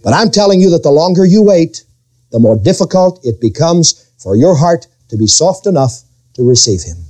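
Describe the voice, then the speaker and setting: The voice is sing-song and a little mellow, moving at normal speed, as a middle-aged male pastor preaches. He swings up and down in pitch without warning, elongates important words, and quotes others in their voices.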